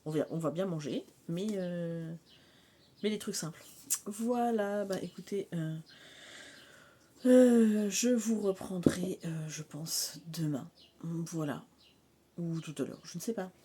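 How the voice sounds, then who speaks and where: A woman's voice: on the low side, warm tone. Woman in her thirties, home vlogger, rambling chat full of fillers, faint hiss behind. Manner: rambling, many fillers and trailing pauses. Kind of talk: casual vlog chat. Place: mobile home on a hot day.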